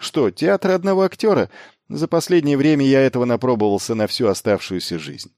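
Brief: male narrator doing a quick, commanding young lord, lifted pitch, dry close sound. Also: a little mellow, no echo, close to an everyday voice. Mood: wry. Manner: brisk, commanding, ironic. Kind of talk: audiobook character voice.

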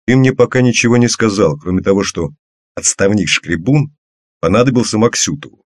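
A man voicing a gruff, suspicious retired older man who talks curtly and grumbles. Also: on the low side, expressive, brisk, no room sound. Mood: grumbling. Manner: curt, grumbling.

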